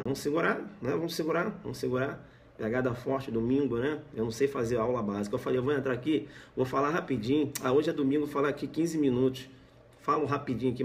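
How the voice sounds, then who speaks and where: Animated Brazilian male law teacher. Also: mid-range voice, muffled recording. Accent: Brazilian Portuguese. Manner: animated, keeps checking understanding, acts out scenes. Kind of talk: live-streamed law lecture.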